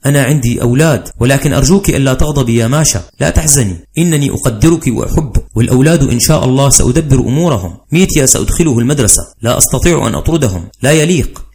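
Fussy, wheedling henpecked commander, voiced by a man, fast-talking, audiobook. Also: mid-range voice, lively intonation, lightly acted. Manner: fussy, wheedling, voice swinging between soft and loud. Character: henpecked middle-aged male commander, pleading. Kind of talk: dramatized audiobook reading.

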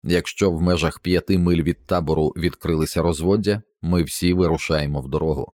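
A man voicing a stern middle-aged ship's captain giving firm, measured orders in an audiobook. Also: sits low, fairly even intonation, darkish tone, no room sound, studio quality, close to an everyday voice. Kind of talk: audiobook character reading.

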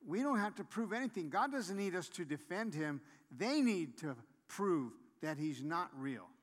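A man's voice: high-pitched, sing-song, normal speed, long reverb tail. A man preaching a sermon, repeating key points and pressing them home with rising emphasis.

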